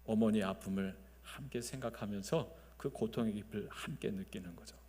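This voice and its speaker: A male pastor preaching a Sunday sermon, swinging between loud emphasis and soft, quiet phrases, and leading the congregation to repeat after him. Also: fairly low pitch, fairly quick. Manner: leads the congregation in call-and-response. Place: large church sanctuary. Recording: long reverb of a church sanctuary.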